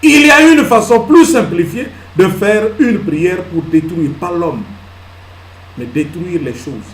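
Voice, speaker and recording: Male pastor, lively fairly high voice, emphatic sermon delivery in a reverberant hall. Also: unhurried, slight background noise. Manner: emphatic preaching that swings between loud peaks and hushed asides; asks the congregation questions and answers them himself. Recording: echoey hall with faint ambience.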